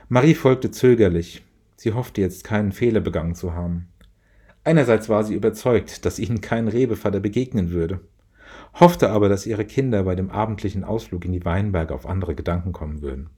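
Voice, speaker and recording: A man narrating a children's story in a calm, even reading manner. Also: lowish voice, fairly quick, slightly rough.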